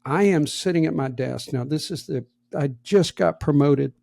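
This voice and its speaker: A middle-aged man co-hosting a podcast, telling a lively anecdote in casual chat and acting out what people said. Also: a little high, moderate pace, vocal fry, no room sound, clean studio sound. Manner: animated anecdote teller, acts out quotes. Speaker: podcast co-host.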